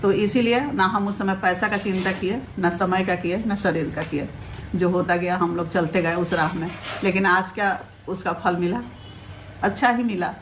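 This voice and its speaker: A woman, talking to her viewers in a casual vlog and giving earnest advice in a steady, homely way. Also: lowish voice, normal speed, a little hiss or hum. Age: 50s. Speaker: family vlogger, mother-in-law.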